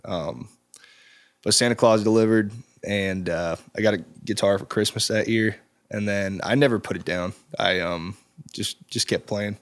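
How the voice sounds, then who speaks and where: A man in his twenties, a musician guest, talking in a relaxed, halting way with frequent ums in a studio interview. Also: fairly low pitch. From Czech Republic. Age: 20s. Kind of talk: casual interview chat. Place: recording studio.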